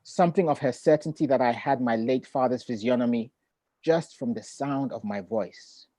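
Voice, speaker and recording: A middle-aged man who grew up in Ghana, a poet, reading his poems and talking about family in a measured, reflective way over a video call. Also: medium pitch, warm tone, no echo. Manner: measured and reflective, with thoughtful pauses. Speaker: poet and author. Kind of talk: poetry reading and relaxed conversation.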